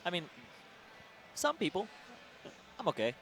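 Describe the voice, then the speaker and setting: A young man co-commentating a live esports event in a relaxed, joking way. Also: sits high, measured pace, vocal fry, a little hiss or hum. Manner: laid-back, joking, trails off and restarts. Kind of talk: casual live commentary banter.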